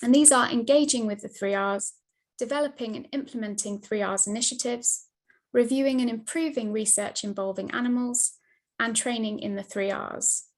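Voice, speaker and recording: A woman giving a steady, scripted slide presentation over a video call, her mic cutting in and out. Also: a little high, moderate pace. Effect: video call audio, mic cutting in and out. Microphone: computer mic on a video call.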